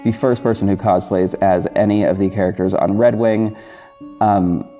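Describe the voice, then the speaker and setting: Lo-fi audio with music behind it captures a man's fairly low, mellow voice, steady in tone and moderate in pace. He hosts a podcast and makes audio dramas, and he's chatting casually by himself to listeners in a gushing, informal style.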